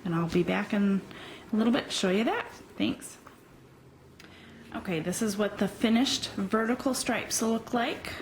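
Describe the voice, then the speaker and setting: A woman teaching a crochet tutorial step by step, pausing often with ums while she works. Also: mid-range voice, a little hiss or hum, low-quality recording. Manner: slow, hesitant with frequent ums, talking while working. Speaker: crochet instructor.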